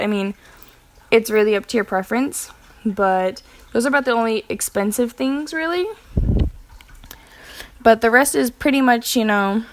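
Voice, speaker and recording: A young woman narrating a makeup tutorial in a casual, chatty way, with filler words and self-corrections, while she has the hiccups. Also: a little high. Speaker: beauty vlogger.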